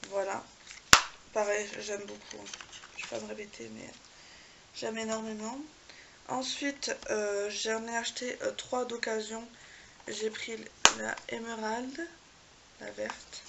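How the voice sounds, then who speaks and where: A woman's voice: fairly high pitch, fairly even intonation, slow pace, gravelly, pauses often, very noisy. A woman showing her makeup palettes to the camera in a casual video, chatty and full of hesitations. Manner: chatty, many hesitations and fillers. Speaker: beauty vlogger.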